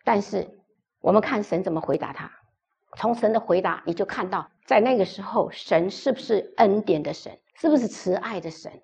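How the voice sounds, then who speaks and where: Gravelly husky woman pastor preaching. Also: mid-range voice, moderate pace, darkish tone. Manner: emphatic storytelling with repeated phrases. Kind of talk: sermon.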